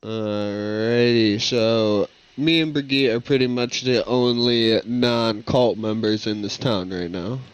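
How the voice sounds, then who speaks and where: A man's voice: on the low side, steady tone, takes it slowly, few pauses, smooth. A man playing in a tabletop game, laid-back and agreeable. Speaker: player. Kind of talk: casual tabletop game talk. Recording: dull, dry lo-fi mic.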